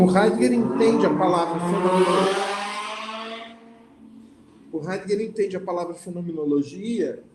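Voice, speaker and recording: A man's voice: high voice, darkish tone, roomy sound, a little hiss or hum. A man lecturing on philosophy, reading passages aloud and then explaining them, often checking in with the listeners. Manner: reads passages aloud, then comments with frequent "né?" and restarts.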